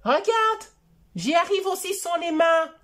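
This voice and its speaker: An eager little penguin boy from a children's storybook speaks in a high, bouncing voice, as a woman puts him on. He comes across as excited and pleading, and he talks slowly enough for small listeners to follow. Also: heavily acted. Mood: proud excited.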